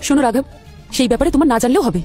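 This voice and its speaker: Brief: actress as scornful rich mother, older woman, quick, biting, soft music under. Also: high-pitched, expressive. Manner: scolding, contemptuous. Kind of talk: TV-style family drama acting.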